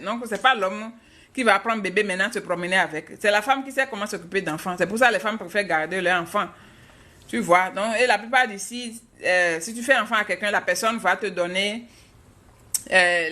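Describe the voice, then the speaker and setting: A mother from Africa, an adult with a child, hosts a live stream where she responds to viewers' questions and talks with them frankly. Her voice is mid-range and sharp in tone.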